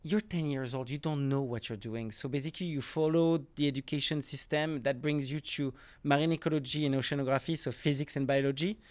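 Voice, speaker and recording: Speaking briskly with few pauses, this middle-aged Frenchman has a fairly high, steady, slightly mellow voice. As a marine ecology professor being interviewed on a podcast, he explains his subject in loose non-native phrasing full of restarts.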